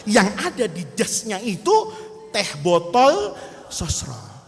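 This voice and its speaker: A man's voice: high voice, huge pitch swings, slow pace. A man preaching a humorous sermon, telling a story and acting out its characters with jokey asides. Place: mosque or hall gathering. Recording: long hall reverb.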